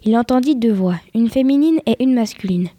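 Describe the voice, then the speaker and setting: Woman reading a spooky story out loud, mellow voice, dry close sound, slips into whispers. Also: fairly high pitch, expressive, a little fast, no room sound. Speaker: story reader.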